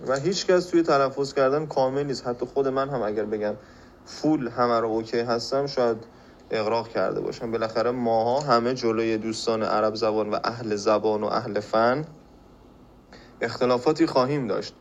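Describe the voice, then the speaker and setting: A man from Iran teaching a spoken language lesson on a podcast. He explains patiently, repeats phrases slowly and asks rhetorical questions. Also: medium pitch, steady tone, lo-fi sound, slight background noise.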